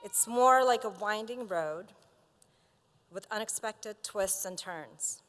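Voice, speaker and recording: A woman's voice: medium pitch, slow pace, a bit bright. Woman giving a speech in a reverberant hall. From Azerbaijan. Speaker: commencement speaker. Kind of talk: commencement speech. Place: large hall.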